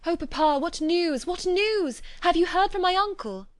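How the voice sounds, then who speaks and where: Breathless eager young woman, pitched way up, reader doing her, dry close audio. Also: very animated, moderate pace, no echo. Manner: high, urgent and eager.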